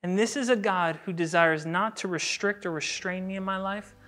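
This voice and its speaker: A pastor preaching a sermon in a lively, conversational way, full of rhetorical questions and little acted-out quotes. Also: male voice, sits high, moderate pace. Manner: acts out everyday quotes in voices. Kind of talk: expository sermon.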